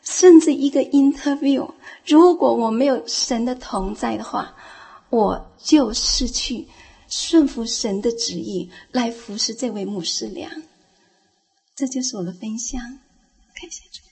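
A woman's voice: on the high side, a little slow, gravelly, warm tone, husky. A woman giving a heartfelt personal testimony in church, telling her story earnestly and growing fervent. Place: church, speaking from the front.

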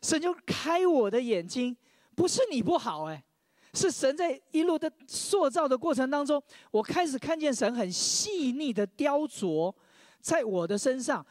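A man's voice: extremely high pitch, lively intonation, normal speed, darkish tone, no echo, clean studio sound. A man preaching a sermon, sharing his own testimony, often stammering over repeated words and leading the congregation in reading scripture aloud.

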